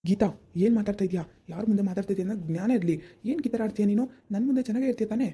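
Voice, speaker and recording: A woman's voice: medium pitch, dark tone, slightly rough. A woman playing a stern scolding husband. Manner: scolding, pleading, fast and insistent. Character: grown man, loyal friend, stern husband. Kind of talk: amateur village drama acting.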